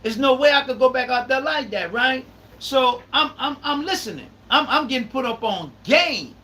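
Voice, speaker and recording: Emphatic high-voiced man. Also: lively intonation, normal speed, sharp tone, poor audio. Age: 30s. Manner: emphatic, repeats phrases for stress. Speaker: podcast host. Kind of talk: casual live podcast talk.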